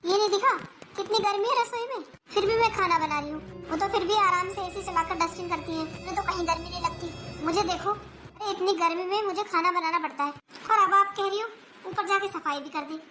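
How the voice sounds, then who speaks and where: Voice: very high voice, a little fast, over music. A performer voicing an overworked young daughter-in-law who argues back about her chores, in a family comedy skit. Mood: arguing. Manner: argumentative, whiny pleading.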